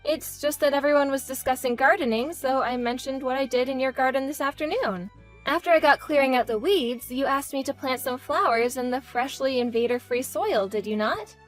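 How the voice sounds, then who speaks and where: A meek daughter-in-law, played by a woman in an audio drama, speaking in a high voice. She is polite, placating and keen to please, with faint music behind her. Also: fairly quick, natural voice. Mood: polite, uneasy. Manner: apologetic, placating. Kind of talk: scripted audio drama acting.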